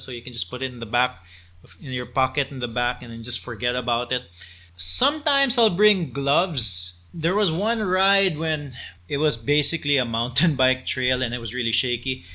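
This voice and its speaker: A man in his thirties talking casually to camera from a small room at home, relaxed and chatty, with fillers and restarts. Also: medium pitch. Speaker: cycling vlogger.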